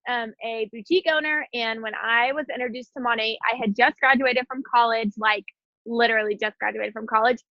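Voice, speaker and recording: A guest speaker in her twenties, her voice on the high side, chats casually about her story on a video call from outdoors in the wind. Slightly stuffy from sneezing, she is chatty and giggly, with many fillers. The audio is dull, with no room sound.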